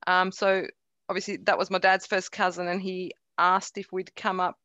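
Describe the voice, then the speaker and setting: A middle-aged Croatian woman with a faint Croatian accent is a guest in a relaxed interview, chatting easily, laughing often, and restarting her sentences. Her voice is fairly low, flat, and fairly bright, at a moderate pace. The recording has no echo but its highs are cut off.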